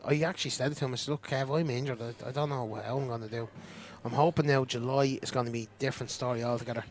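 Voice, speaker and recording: A man's voice: medium pitch, fairly even intonation, fast talker, a little hiss or hum. A middle-aged Irish man commentating on a pool match in casual chat, boastful and bantering. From Ireland.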